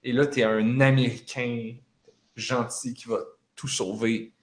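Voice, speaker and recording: A man with a Quebec French accent talks casually, stringing his story together with lots of fillers. His voice sits at a middling pitch. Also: flat delivery, takes it slowly. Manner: rambling storytelling with frequent fillers. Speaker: gamer recounting a video game. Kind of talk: casual chat.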